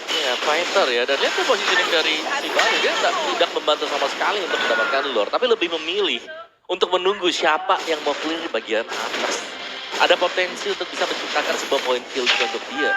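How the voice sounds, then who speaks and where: An Indonesian man breaks down esports plays in a fairly high voice at a brisk pace. He mixes English gaming terms into his analysis, with loud noise behind him. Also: lively intonation.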